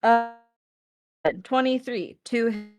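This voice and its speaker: A woman's voice: on the high side, flat delivery, takes it slowly, a little mellow. A woman playing in an online tabletop game over a voice call, her mic cutting out so her volume keeps dropping and returning. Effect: mic cutting out, uneven volume. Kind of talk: casual online tabletop play. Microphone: home mic on a voice call.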